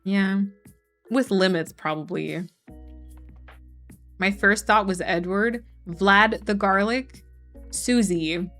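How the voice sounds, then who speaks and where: A woman's voice: mid-range voice, slow pace, long pauses, fairly bright tone, faint music behind. A young woman live-streaming, chatting casually and reading out viewers' messages, with lots of "like" and "um". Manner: chatty, reads chat messages aloud and answers them; frequent fillers like "like" and "um". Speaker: streamer chatting with her chat.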